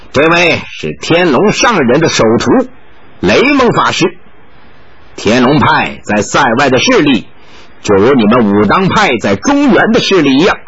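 Narrator guy doing a sneaky mocking young dude, taunting, bouncy pitch. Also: fairly bright tone, muffled recording. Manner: teasing, mocking. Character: sly mocking young man, grinning scoundrel.

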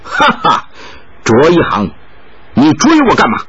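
A man's voice: on the high side, very animated, unhurried, dull audio, a crowd in the background. A man voicing a sly, grinning young man who teases and taunts. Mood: mocking. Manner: teasing, mocking.

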